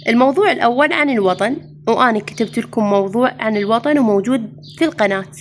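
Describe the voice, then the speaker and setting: A woman teacher with an Iraqi Arabic accent reviews exam answers in a somewhat high voice. She moves through each item patiently, asks her students questions and then answers them herself. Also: fast, a little hiss or hum. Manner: addresses students fondly as "mama".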